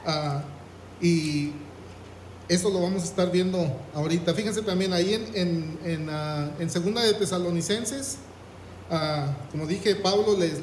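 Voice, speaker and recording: Man, preacher, high-pitched, sermon with scripture reading, echoey church, faint background noise. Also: a little mellow. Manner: reads scripture aloud, asks the congregation "¿qué?".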